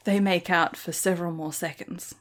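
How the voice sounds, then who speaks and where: A woman's voice: on the low side, steady tone, moderate pace, a bit bright. A woman narrating an improvised audio role-play, giggling often between lines. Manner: giggly, breaks into laughter often.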